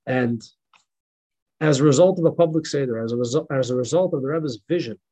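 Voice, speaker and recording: A man, a rabbi, teaching a Passover class with animated, emphatic repetition and stories. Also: mid-range voice, a little fast, breathy edge, low-quality recording. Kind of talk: Passover class reading and storytelling. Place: synagogue in El Paso.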